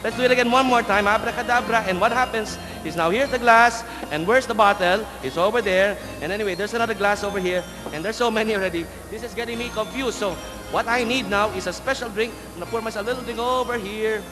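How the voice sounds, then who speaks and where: A man's voice: high voice, fast. A man with a Filipino accent doing playful, showy comedy magic patter like a kids' party magician on stage. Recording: echoey hall sound, music behind.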